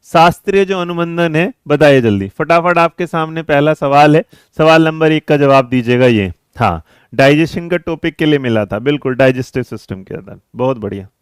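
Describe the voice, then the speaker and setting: A man with a slightly high, animated voice leads a live online exam-prep class, quizzing students and coaxing them along. He's brisk, calls them "beta" and "mere bachche," and reads and answers chat messages mid-lesson. The tone is clean and studio quality, with no room sound.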